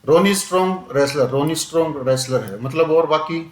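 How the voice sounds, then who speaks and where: A man teaching a grammar lesson to a classroom of students, questioning them and slowing down to drill examples. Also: fairly high pitch. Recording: echoey classroom.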